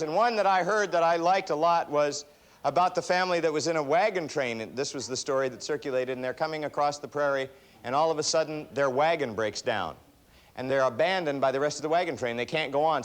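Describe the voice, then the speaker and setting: Animated self-deprecating man speaker. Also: a little high, brisk. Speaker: motivational speaker. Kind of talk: seminar talk with anecdotes.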